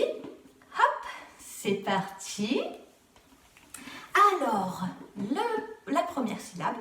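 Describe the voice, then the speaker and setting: A woman's voice: a little high, recorded from a distance. A woman teacher giving a patient home video lesson to young children, often checking they follow. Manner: patient, keeps asking "d'accord?". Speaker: kindergarten teacher. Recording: roomy sound, voice set back from mic.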